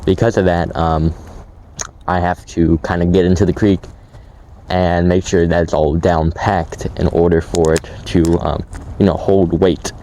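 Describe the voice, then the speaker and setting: A man's voice: low-pitched, flat delivery, unhurried, mellow. A man vlogging outdoors by a creek in casual, rambling talk with lots of fillers, shivering from the cold so his voice cracks. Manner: rambling, many fillers and restarts. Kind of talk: casual vlog narration.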